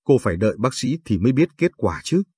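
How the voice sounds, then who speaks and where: A man's voice: medium pitch, big pitch swings, fast, warm tone, slightly rough, dry recording. A man doing a snappish scheming mother-in-law. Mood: scornful. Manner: snapping, scornful.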